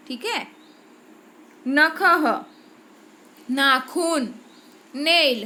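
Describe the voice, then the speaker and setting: A woman's voice: high-pitched, sharp tone. A woman teacher with an Indian Hindi accent giving a patient classroom lesson, repeating each word and checking in with her students.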